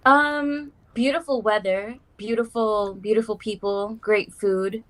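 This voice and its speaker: Unhurried and steady, this medium-pitched woman is a young South African musician being interviewed casually. She comes across as chatty and warm, sprinkling in plenty of "like" and "um."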